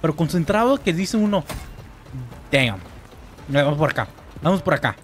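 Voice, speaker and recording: A young Mexican man giving excitable, jokey gameplay commentary and swearing now and then. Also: fairly high pitch, moderate pace, faint music behind. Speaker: gamer. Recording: gunfire from game audio. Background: loud game gunfire.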